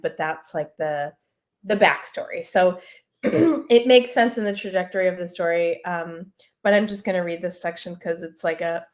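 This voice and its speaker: A woman author reads her own literary prose aloud over a video call, unhurried and soft-spoken, dropping in casual asides. Her voice is fairly low in pitch.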